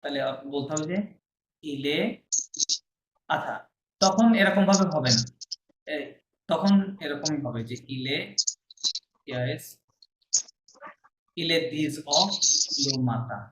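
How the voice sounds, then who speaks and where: A man's voice: fairly high pitch, takes it slowly, pauses often. A man from Bangladesh teaching a French class, patiently repeating words and quizzing his students. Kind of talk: classroom lesson. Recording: echoey room with faint noise.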